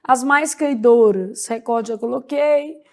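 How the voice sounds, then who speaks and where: Woman teaching grammar; high, slow delivery, checks in with her class after every point. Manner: slow, spells out words syllable by syllable, frequent "né?" and "beleza?". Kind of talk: grammar lecture.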